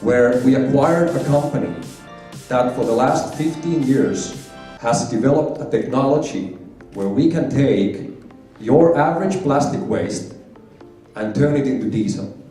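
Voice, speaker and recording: A Finnish conference presenter makes an emphatic business presentation in a large hall, repeating his figures to drive them home. His mellow, dark-toned voice sits at medium pitch, expressive and measured in pace. He is heard from a distance in a very echoey space with faint music in the background.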